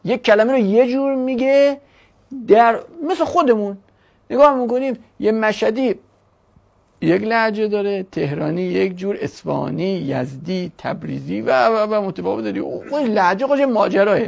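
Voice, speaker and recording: Brief: gravelly-voiced language teacher at mid pitch, lecturing casually and tossing out rhetorical questions. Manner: chatty, rhetorical questions, jokes. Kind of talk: classroom lecture.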